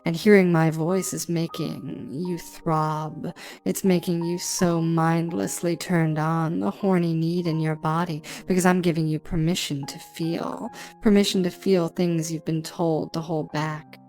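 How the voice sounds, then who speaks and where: A woman delivering an erotic hypnosis monologue for adults, speaking intimately close in the listener's ear in a commanding, deliberate, repetitive way. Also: low-pitched, level tone, darkish tone. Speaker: hypnosis narrator. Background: music.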